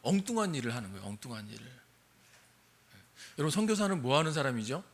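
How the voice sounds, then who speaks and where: A man's voice: mid-range voice, very animated, fast. An older man, a missionary pastor, preaching a sermon and asking his congregation questions. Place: church sanctuary.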